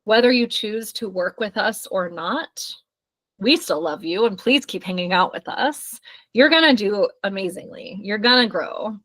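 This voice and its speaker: Woman, workshop host, bright voice, effusive and affirming, speaks directly to viewers, video call audio. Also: medium pitch, lively intonation, unhurried. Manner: effusive, affirming, talks straight to the audience. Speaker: workshop host and studio founder. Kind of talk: live online workshop wrap-up.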